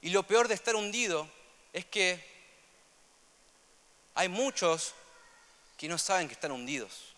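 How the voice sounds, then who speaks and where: A young man with a Rioplatense Spanish accent preaching a sermon, earnest and repetitive, moving between loud emphasis and soft asides. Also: high voice, expressive, unhurried, long pauses. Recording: long hall reverb.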